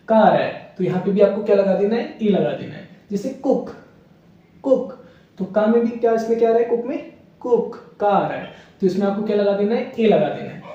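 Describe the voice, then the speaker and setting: A male teacher walks through grammar examples, asking questions and answering them himself. His voice sits high with a mellow, dark tone. The sound is dull and distant, with heavy echo from the room. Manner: repetitive question-and-answer explaining. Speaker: English teacher. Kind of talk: classroom grammar lesson.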